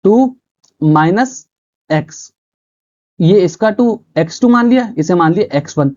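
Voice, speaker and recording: A man's voice: sits high, lively intonation, a little slow, darkish tone, muffled recording. A man teaching a math class step by step, asking and answering his own questions as he works each problem. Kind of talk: chalkboard math lesson.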